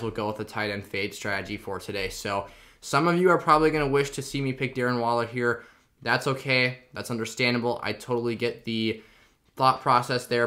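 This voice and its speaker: Bright-voiced man, sore after wisdom teeth removal. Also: mid-range voice. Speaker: video channel host. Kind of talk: fantasy football draft commentary, casual vlog.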